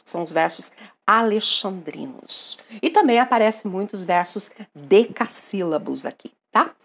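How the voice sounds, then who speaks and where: Lively Brazilian woman teaching literature. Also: medium pitch, breathy edge. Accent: Brazilian Portuguese. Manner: lively, emphatic, checks in with listeners often. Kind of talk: online literature lesson.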